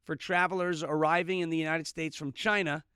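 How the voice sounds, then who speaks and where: A man in his thirties guest-hosts a political commentary show, laying on the sarcasm and snark. His voice is bright and forceful, pitched a little high. The sound is dry and close to the mic. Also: steady tone, a little fast, clean tone, no room sound. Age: 30s. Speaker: guest host.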